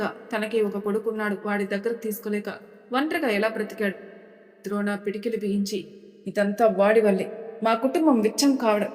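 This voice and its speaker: A woman narrating a family drama story and speaking every character's lines herself, lifting her voice in the quarrels. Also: mid-range voice. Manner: reads all characters' lines in her own voice, rising and louder in arguments. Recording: long hall reverb.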